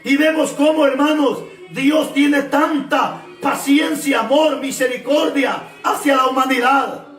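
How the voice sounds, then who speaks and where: A man preaching a fervent sermon, repeating phrases and often shouting. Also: extremely high pitch, unhurried, reverberant, distant mic, soft background music. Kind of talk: shouted Pentecostal-style sermon.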